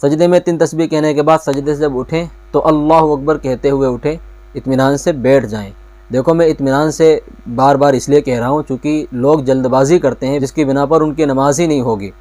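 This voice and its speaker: A man's voice: on the high side, steady tone, warm tone, no room sound. Patient male mufti teaching prayer. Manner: patient, repeats key points, recites Arabic phrases slowly. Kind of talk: step-by-step religious lesson.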